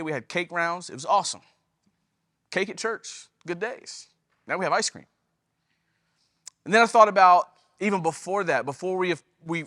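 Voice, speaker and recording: A man's voice: a little high, pushed and bright, no echo, studio quality. A man in his thirties preaching a casual, chatty sermon as pastor, with many fillers and restarts. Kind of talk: conversational sermon.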